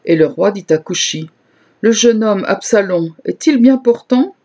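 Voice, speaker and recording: A reader giving a slow, measured scripture reading, lifting the voice a little for quoted speech. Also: medium pitch, lively intonation, mellow, highs cut off.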